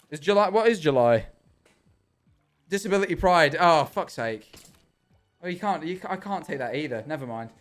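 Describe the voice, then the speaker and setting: A young man with a slightly high, fairly bright voice chats casually while streaming a game. He rambles, corrects himself, and swears freely throughout the livestream.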